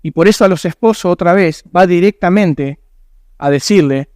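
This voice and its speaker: A man's voice: high voice, normal speed, a little mellow, no echo, studio quality. A man with a Rioplatense Spanish accent preaching a sermon as a pastor in a church, earnest and emphatic, asking rhetorical questions.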